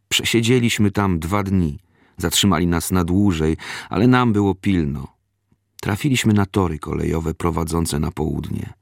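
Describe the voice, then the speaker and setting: A man reading a first-person memoir aloud in a measured, unhurried storytelling manner. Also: deep voice, creaky, darkish tone, dry recording, studio quality. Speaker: narrator. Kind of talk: scripted memoir narration.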